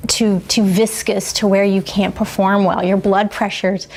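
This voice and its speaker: Woman, nutrition expert type, gravelly edge, measured and informative. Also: mid-range voice, level tone, darkish tone. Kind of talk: explanatory documentary interview.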